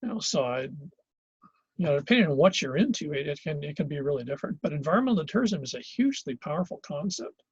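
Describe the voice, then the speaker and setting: A man's voice: on the high side, very animated, fast talker, slightly rough, no room sound, muffled recording. A man teaching a college geography class in Hawaii, lecturing conversationally with lots of fillers and restarts. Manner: conversational, thinks aloud with many fillers and restarts.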